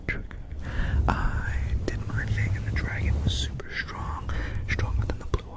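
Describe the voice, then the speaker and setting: A man speaking in a breathy, unvoiced ASMR whisper, rambling through semi-intelligible storytelling. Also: moderate pace. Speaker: ASMR video creator.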